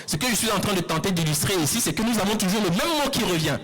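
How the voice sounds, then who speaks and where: A man giving a public lecture, explaining step by step, repeating words slowly and putting questions to the audience. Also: sits high, lively intonation, fairly bright tone, soft background music, rough recording. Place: lecture hall.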